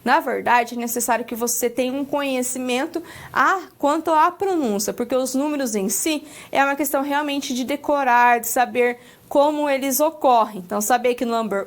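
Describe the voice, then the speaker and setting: Brazilian woman, high voice, patient English teacher with lots of "ok?" check-ins. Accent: Brazilian Portuguese. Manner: explains step by step with many "ok?" checks. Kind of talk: recorded lesson.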